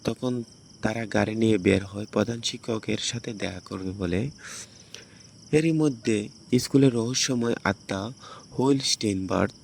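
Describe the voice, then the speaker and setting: A man's voice: fairly low pitch, moderate pace, vocal fry, pauses often, a little mellow, a little hiss or hum. A man narrates the story of a film as a movie recap.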